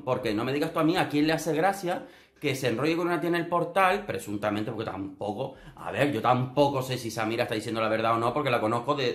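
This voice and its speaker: A man's voice: mid-range voice, echoey room. A man giving casual, gossipy commentary on reality TV, exclamatory and campy. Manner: gossipy, exclamatory, campy, mimics people with a raised voice.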